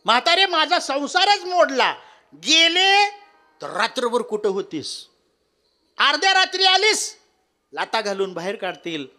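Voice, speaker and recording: A man's voice: on the high side, expressive, normal speed, close to an everyday voice. A man voicing a god disguised as a young woman bangle-seller, playful and sly, in a devotional storytelling sermon. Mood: wailing. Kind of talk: kirtan storytelling.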